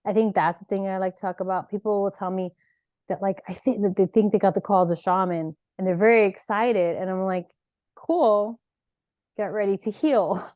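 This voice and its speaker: A woman's voice: mid-range voice, steady tone, brisk, a little mellow, dry recording, lo-fi sound. A woman, an actor and author, talking earnestly as a podcast guest about her spiritual path, often tagging her thoughts with "like" and "right?". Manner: earnest, rambling, peppered with "like" and "right?". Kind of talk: reflective spiritual conversation.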